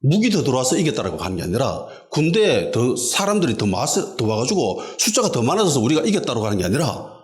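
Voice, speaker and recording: Animated pastor preaching. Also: male voice, medium pitch, fast, hardly any pauses. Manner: emphatic and animated, repeats lines for stress. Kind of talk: expository sermon. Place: church in a basement hall.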